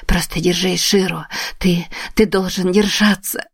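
A woman's voice: fairly low pitch, fairly even intonation, measured pace, creaky, husky, no room sound, studio quality, full character voice. Woman playing a sobbing young heroine. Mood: grieving. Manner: pleading, on the edge of hysteria. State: crying.

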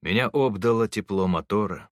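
A man narrating literary prose as an audiobook in a measured, earnest manner. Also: fairly low pitch, no echo, clean studio sound.

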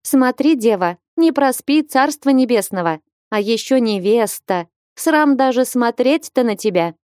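A woman's voice: fairly high pitch, lively intonation, a little slow, a little mellow, no echo, clean studio sound, voice pushed up. A woman reading an audiobook voices a bold, bossy young village woman who scolds and commands sharply. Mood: scolding.

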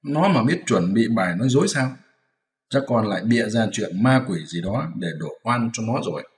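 A man voicing a gentle, trusting monk master who asks calm questions, in a storybook reading. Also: mid-range voice, normal speed, close to an everyday voice. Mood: mild. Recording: roomy echoey room.

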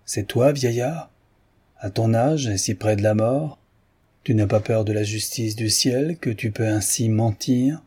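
A man's voice: on the low side, unhurried, mellow, slightly rough. A man reading aloud voices a young woman, a composed mistress who questions her servant steadily. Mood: stern.

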